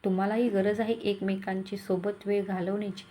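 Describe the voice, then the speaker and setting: A woman's voice: medium pitch, flat delivery, moderate pace, warm tone, slight background noise, lightly acted. A woman voicing a caring older mother-in-law, speaking in a bossy yet tender way.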